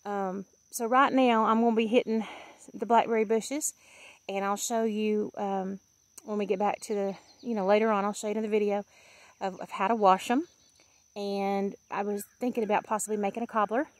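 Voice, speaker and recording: A woman in her fifties talks in a homey, rambling way, full of fillers and small laughs. Her voice has a medium pitch and sounds close and dry in the open air. Crickets and insects chirp behind her. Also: steady tone, moderate pace, dry recording. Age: 50s. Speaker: vlogger. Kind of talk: casual outdoor vlog. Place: outdoors at a blackberry patch.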